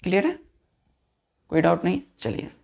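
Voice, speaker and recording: This teacher's voice sits high and sing-song, a little mellow with vocal fry, at normal speed. He leads an online grammar class in a patient, repetitive manner, regularly checking that students follow and mixing in English terms.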